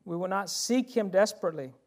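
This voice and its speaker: A male preacher delivers a sermon in a voice pitched well above most men's. He speaks earnestly and with emphasis, circling back over key phrases. He often turns to his listeners with direct questions. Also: moderate pace, creaky.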